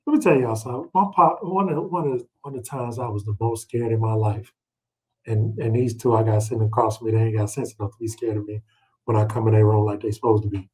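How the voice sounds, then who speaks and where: In a low-quality recording, a middle-aged Bible teacher speaks fast in a lowish, slightly mellow voice with fairly even intonation. He leads the read-along colloquially, telling personal anecdotes and checking in with rhetorical questions.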